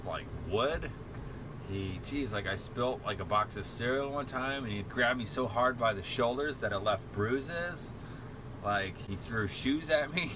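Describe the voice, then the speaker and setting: An agitated man rants in a bright, forceful voice, rambling from point to point and filling gaps with "like." Faint traffic hums quietly behind him. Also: medium pitch. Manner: agitated, rambling, heavy use of "like". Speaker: vlogger. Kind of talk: heated rambling monologue.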